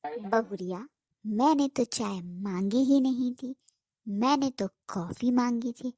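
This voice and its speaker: A woman's voice: a little high, slow, dark tone, no room sound, studio quality. A woman voicing a lazy, grumbling old mother-in-law who scolds and suspects her daughter-in-law in rustic speech.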